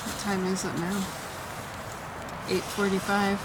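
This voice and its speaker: A woman's voice: mid-range voice, little pitch movement, unhurried. A woman chatting casually and reacting to equipment during an outdoor paranormal investigation. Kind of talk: casual chat, reacting to devices. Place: outdoors in a forest at night. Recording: clearly noisy outdoor ambience.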